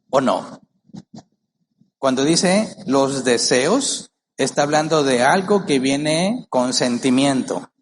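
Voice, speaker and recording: A man's voice: medium pitch, slight background noise. A male pastor preaching a sermon, emphatic, firing rhetorical questions at the congregation and acting out quoted voices. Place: church.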